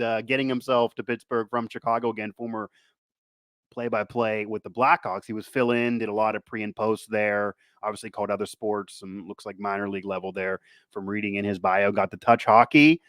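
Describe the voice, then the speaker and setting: On a sports show, a male podcast host mixes casual sports talk with an interview, rambling and circling back on himself. His voice is medium-pitched, and the recording is dry.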